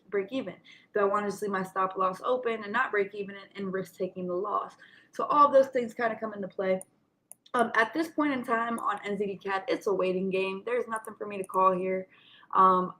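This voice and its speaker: A woman's voice: medium pitch, a bit bright, rough recording. A woman coaching traders in informal live chart commentary, instructive and direct with listeners, with a slight lisp from wearing a retainer. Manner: instructive, addressing listeners directly, checking with "right?". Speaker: trading coach hosting a market session.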